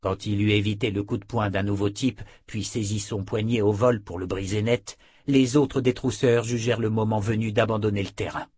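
A man reading a fantasy novel aloud in a steady, measured storytelling voice. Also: on the low side, slightly rough, dry recording, studio quality. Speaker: audiobook reader. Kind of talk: scripted narration.

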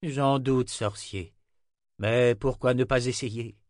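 A man's voice: mid-range voice, steady tone, slow pace, no echo, clean studio sound, natural voice. A man doing a weary grieving old guard. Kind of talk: audiobook character reading.

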